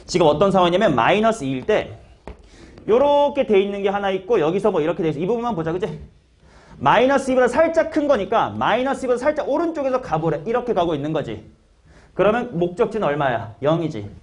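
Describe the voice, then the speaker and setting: In this classroom lecture, a male math teacher speaks in a high register with broad pitch swings, very animated and moving at a quick pace. He uses a relaxed, slangy style and keeps asking individual students questions by name.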